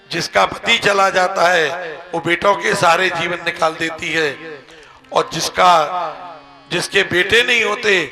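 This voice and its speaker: A man voicing a grieving queen who pleads tenderly for her sons' killer to be spared. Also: high-pitched.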